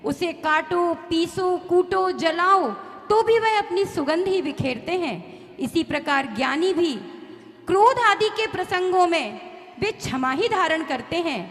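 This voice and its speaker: Brief: woman narrator, high voice, moralizing stage commentary, echoey hall. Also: animated, measured pace. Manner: moralizing, explanatory. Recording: reverberant hall with background music.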